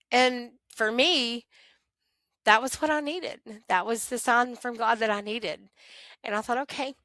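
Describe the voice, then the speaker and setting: A middle-aged woman, telling a personal story as an interview guest in animated, expressive conversation. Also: medium pitch, no room sound, studio quality. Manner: animated, expressive, talks to herself in quoted prayers.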